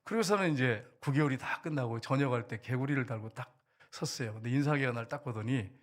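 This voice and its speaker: An older man preaching in a church, recounting his own past with lively storytelling. He slips into short acted voices for the people in his story, then returns to his plain preaching tone. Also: mid-range voice, fast. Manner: animated storytelling, acting out quoted soldiers. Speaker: pastor. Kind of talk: sermon testimony.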